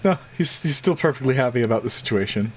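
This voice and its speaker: A man's voice: mid-range voice, expressive, fast talker, slight background noise. A man running a tabletop game as game master, chatty and often restarting his sentences. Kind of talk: casual tabletop game narration.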